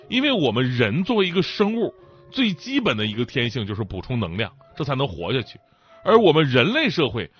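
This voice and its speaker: With a slightly high, husky voice, a male talk show host delivers a joking, chatty stand-up monologue, laughing as he talks. A mouth ulcer leaves his speech thick, as if his tongue were swollen, and the lo-fi recording sounds dull with faint background music.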